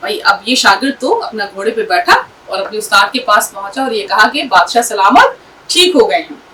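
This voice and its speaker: A woman teaching Urdu by telling a story and spelling words out slowly, letter by letter. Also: mid-range voice, sing-song, pushed and bright, far from the mic, low-quality recording. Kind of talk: storytelling language lesson.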